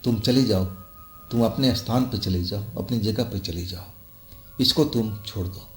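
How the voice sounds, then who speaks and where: A man's voice: fairly low pitch, moderate pace, roomy sound, soft background music, close to an everyday voice. A man voicing a mother and daughter spirit giving firm warnings in a horror story. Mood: commanding.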